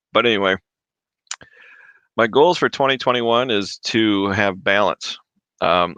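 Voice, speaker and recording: A low-voiced Michigan man with a sharp tone hosts a casual livestream from his home, chatting, reading viewer comments aloud and answering reselling questions while chewing his food. The rough recording comes from a dry, close desk mic with no room sound, and it drops off when the mic is moved away.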